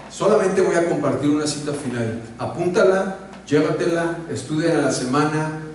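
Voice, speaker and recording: A male pastor delivers a lively sermon, acting out complaints with sudden jumps in his voice. His voice sits a little high. It echoes heavily around a church hall from some distance, with a faint hiss underneath. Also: measured pace. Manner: animated, acts out complaints in a raised voice.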